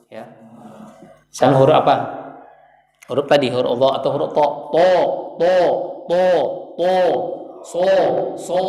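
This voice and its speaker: A man's voice: a little high, darkish tone. A man with an Indonesian accent teaching Quran pronunciation in a prayer room, patiently demonstrating letter sounds over and over. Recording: echoey hall, mic at a distance.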